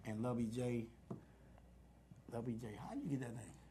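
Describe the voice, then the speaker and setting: A man hosting a radio show, chatting loudly and excitably with guests in DC slang, with lots of quick restarts. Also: medium pitch, slight background noise. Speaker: radio host. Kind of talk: casual studio chat.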